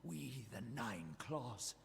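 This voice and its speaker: Unhinged, gravelly, tormented villain. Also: male voice, mid-range voice, very animated, slow, noisy background, heavily acted. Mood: haunted, anguished. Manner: unhinged, fragmented repetition, slipping into villainous menace. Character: tormented mad man haunted by marauder and soldier spirits. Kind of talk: dramatic video game character acting.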